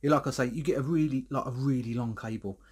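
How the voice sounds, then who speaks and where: A man, a little out of breath, chats his way through a product review in a loose, rambling way. His voice is slightly husky, and he keeps restarting his sentences. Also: mid-range voice, quick pace, a little mellow. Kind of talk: casual product review vlog. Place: indoor room, filming himself alone.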